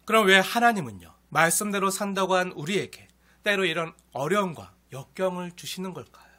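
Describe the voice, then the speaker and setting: A man preaching a sermon as pastor, moving between loud pleading and hushed, near-whispered lines. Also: sits high, a little fast.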